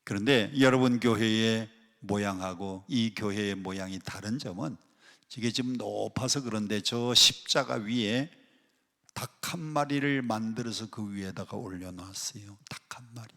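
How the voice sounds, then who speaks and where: A male pastor preaching a sermon, leading the congregation in repeated phrases, with sudden loud rises and hushed drops. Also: on the low side, moderate pace. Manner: leads the congregation in call-and-response repetition. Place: worship hall of a prayer retreat. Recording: long hall reverb.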